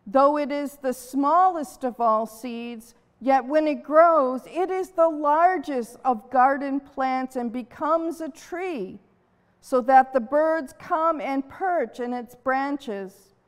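High-voiced woman praying in a church. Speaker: worship leader. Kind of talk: leading prayer and scripture reading. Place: church sanctuary. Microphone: far camera at pulpit. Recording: reverberant church from afar.

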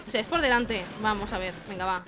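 A woman from giving excitable let's-play commentary, shrieking and laughing as she plays. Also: medium pitch, fast talker, noisy background. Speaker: gaming YouTuber. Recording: game music loud under the voice. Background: game music.

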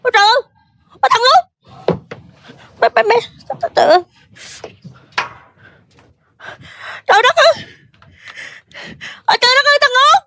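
A woman's voice: very high-pitched, expressive, normal speed, fairly bright tone, no echo. A woman playing a worried elderly country mother with a Southern Vietnamese accent, in cải lương stage acting with fretful, pleading speech. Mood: overjoyed wailing. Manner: fretful, pleading, bursts into wailing cries. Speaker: contestant performer. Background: music.

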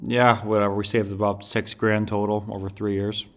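Deep-voiced man doing game commentary. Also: level tone, normal speed, a bit bright. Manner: chatty, wry, talks to the players on screen. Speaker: gaming commentator. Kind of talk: casual gameplay commentary.

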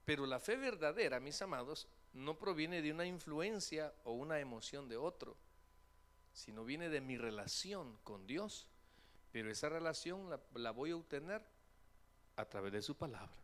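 A man, preaching a sermon as pastor in a church, acting out voices and joking with the congregation. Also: mid-range voice. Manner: animated, acts out quoted voices, jokes with congregation. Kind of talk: lively sermon. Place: church sanctuary.

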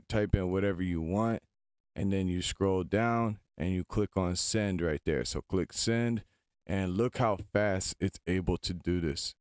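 A man's voice: low-pitched, a little mellow, clean tone, dry recording. A man hosting a screen-recorded tutorial, chatting informally as he gives step-by-step instructions into a close mic. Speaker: tutorial host.

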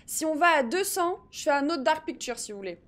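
A woman streaming live, chatting excitedly with her viewers while fixing her setup. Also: sits high, brisk. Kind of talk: live gaming stream chat.

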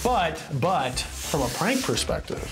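A woman's voice: low voice, big pitch swings, unhurried, over a noisy crowd. A woman co-hosting a casual review of prank products, explaining each one with enthusiasm and giving it a score. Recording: music playing under the voice.

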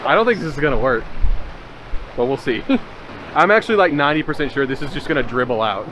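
A man's voice: mid-range voice, lively intonation, quick pace. A man filming a casual vlog outdoors in the desert, chatty, joking and laughing often. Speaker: vlogger. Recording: dull lo-fi camera audio with outdoor noise.

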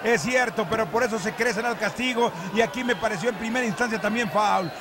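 A man with a Mexican accent, a wrestling commentator calling lucha libre live, emphatic and repeating his phrases excitedly. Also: high voice, fast. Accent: Mexican Spanish. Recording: loud arena crowd behind commentary. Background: cheering arena crowd.

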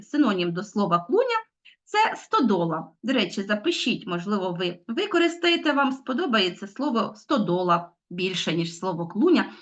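Middle-aged woman, schoolteacher, questioning her class, muffled lo-fi sound. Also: a little high. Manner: explains step by step, asks pupils questions. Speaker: teacher. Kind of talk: recorded online lesson. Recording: dull lo-fi sound.

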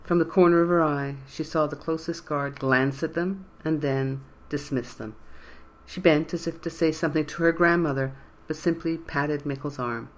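A narrator reading a fantasy novel in an even, measured storytelling way. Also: mid-range voice. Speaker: audiobook narrator. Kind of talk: scripted narration.

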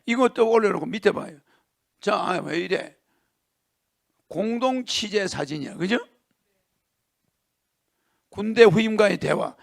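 A man's voice: sits high, lively intonation, a little slow, vocal fry, pauses often. An older man giving a lecture-style talk, reading a news column aloud and breaking off to comment, with emphatic rhetorical questions to his listeners.

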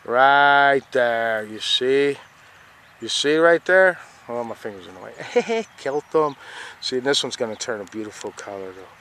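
His medium-pitched, fairly bright voice has lively intonation and an unhurried pace, with a little hiss or hum in the audio. The man is outdoors beside a fenced yard, filming the sky on a handheld phone, rambling casually and saying "see?" again and again as he points things out.

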